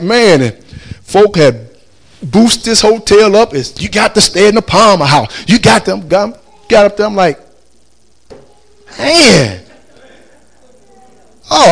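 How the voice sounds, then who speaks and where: A man with a high-pitched voice and vocal fry tells a story casually and animatedly, acting out the people he quotes and laughing often.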